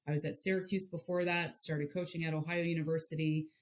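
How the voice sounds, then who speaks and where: A woman in her forties from Hawaii, a softball head coach answering interview questions earnestly and often repeating words. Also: low-pitched, flat delivery, quick pace. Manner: earnest, repeats words while searching for them. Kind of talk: interview guest.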